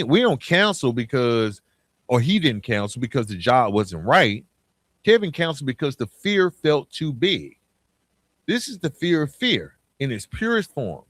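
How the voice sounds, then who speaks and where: A medium-pitched male podcast host, recorded with no echo, speaks casually and informally to his audience. He drives home a motivational message with emphasis, stories and repeated key phrases.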